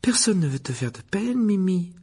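A man voicing a clever, earnest schoolgirl with a quick, slightly prim manner. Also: high-pitched, big pitch swings, darkish tone, slightly rough, pitched above the performer's own voice, exaggerated voice.

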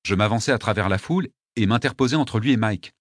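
A man's voice: lowish voice, fast talker, no room sound. Man reading a story, dry sound. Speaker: audiobook narrator. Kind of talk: scripted narration.

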